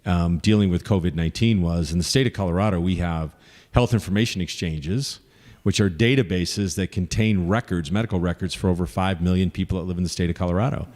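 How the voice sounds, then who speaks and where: Speaking fairly quickly in a low, darkish voice, a man running for Congress takes audience questions at a forum, earnestly working through his points with lots of fillers. The recording has a big-room sound.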